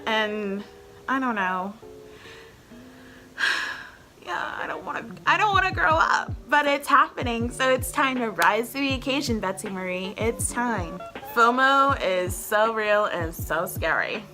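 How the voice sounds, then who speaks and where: A woman in her twenties chats casually to camera at home as a vlogger host, rambling and filling her talk with "like." Her voice is on the high side and animated, with a measured pace, and music plays underneath.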